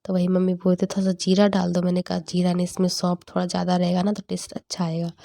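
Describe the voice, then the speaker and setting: A woman's voice: lowish voice, completely flat delivery, fast talker, creaky, warm tone, no room sound. A young woman casually narrating a home cooking vlog, chatty and laughing often. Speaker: vlogger.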